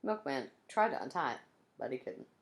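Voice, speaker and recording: Reading a children's chapter book to young listeners, this woman teacher adds friendly asides along the way. Her pitch is extremely low and swings widely, and her pace is brisk.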